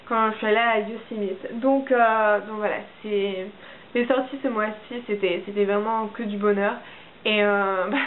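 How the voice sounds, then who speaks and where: Chatty young French woman, tinny audio. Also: mid-range voice. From France. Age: young adult. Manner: hesitant, many fillers and restarts. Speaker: au pair. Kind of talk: casual monthly update vlog. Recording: tinny phone-like audio with faint hiss.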